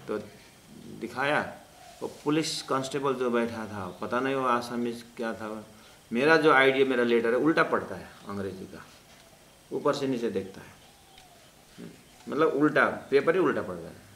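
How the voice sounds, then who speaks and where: A man teaching a class, telling a personal anecdote in a rambling way, correcting himself and pausing with fillers. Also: medium pitch, fairly bright tone. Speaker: religious teacher. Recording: roomy echo, faint background noise.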